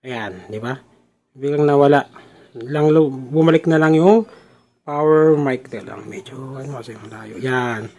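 Recorded through a helmet-mounted action camera mic, first outdoors at home and then on his motorcycle, a young man vlogs casually about his helmet camera setup. His mid-range, darkish voice has vocal fry and a measured pace, and he chats away with repeated fillers, addressing viewers as "lods" in this how-to video.

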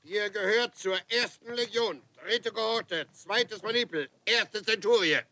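Shrill, blustering Roman drill officer. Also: male voice, unhurried, sharp tone, slight background noise. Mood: stern. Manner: barking, easily flustered. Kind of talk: dubbed animated film acting.

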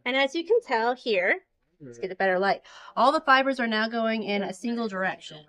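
This woman in her thirties, a fiber spinning demonstrator, talks in a fairly bright, animated, rather high voice at a fairly quick clip. She explains her informal hands-on demo simply, drawing on everyday comparisons, while a handheld camera films her from a short distance inside a concrete-floored farm shop.

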